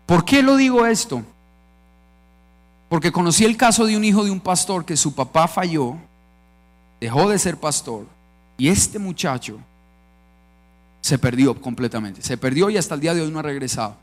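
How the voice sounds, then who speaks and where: Emphatic high-voiced Colombian preacher. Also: male voice, expressive, normal speed, pauses often. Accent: Colombian Spanish. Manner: emphatic, calls for audience responses. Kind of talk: conference sermon. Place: church conference stage.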